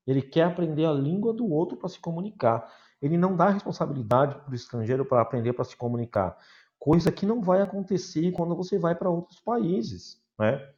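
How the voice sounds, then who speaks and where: A man's voice: a little high, dull audio. Chatty Brazilian man teaching a class. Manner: lively, chatty, addresses students as "galera". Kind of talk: recorded class lesson.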